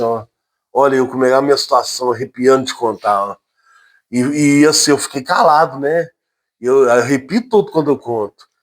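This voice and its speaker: Man telling a spooky personal story. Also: mid-range voice. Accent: Brazilian Portuguese. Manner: halting, repeats words, emphatic "ó" asides.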